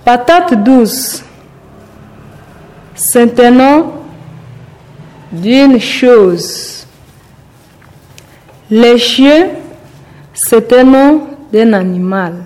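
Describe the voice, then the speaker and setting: A radio teacher giving a primary-school grammar lesson, repeating each point slowly. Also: mid-range voice, lively intonation, a little mellow, poor audio.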